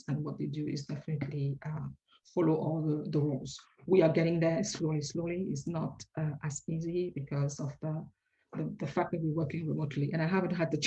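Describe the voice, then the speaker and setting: A woman from Cameroon, giving measured, reflective answers as an interview guest, often pausing with hesitations. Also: sits low, dark tone, muffled recording. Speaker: compliance consultant, interview guest.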